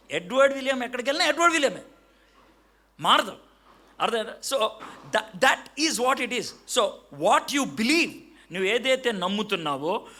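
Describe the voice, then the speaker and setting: Animated high-voiced male preacher. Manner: lively preaching that mixes in English phrases and acts out little dialogues. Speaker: evangelist preacher. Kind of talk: sermon.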